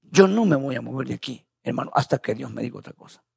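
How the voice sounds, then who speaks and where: A man's voice: mid-range voice, expressive, fast, gravelly, a little mellow, slightly rough, dry recording. A man preaching as a pastor, telling his story in a conversational way and often calling his listeners brother. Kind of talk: testimony sermon.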